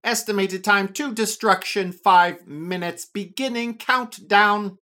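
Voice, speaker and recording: A storyteller voicing a cold, mechanical computer that announces a countdown in slow, loud, clipped words. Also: mid-range voice, pitched above the performer's own voice. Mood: alarmed.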